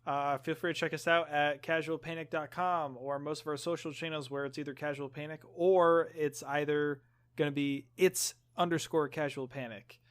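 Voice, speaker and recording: A man's voice: a little high, steady tone, moderate pace, clear, resonant tone. A young man hosting a casual gaming podcast in an easygoing, chatty way. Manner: easygoing, laughs often. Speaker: podcast host.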